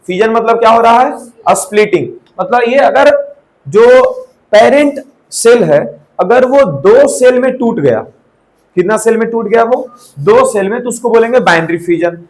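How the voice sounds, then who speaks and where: A man's voice: high voice, rough recording. A young man giving a live classroom lecture in Hindi, mixing in English terms, asking and answering his own questions and checking in with students. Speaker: teacher.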